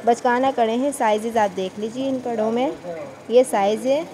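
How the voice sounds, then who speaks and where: A shopping vlogger with a Pakistani Urdu accent tours stalls in a busy indoor market on camera, chatty and enthusiastic as she asks shopkeepers about prices. Her voice is on the high side, steady in tone and moderately paced, with market noise and a crowd audible behind her.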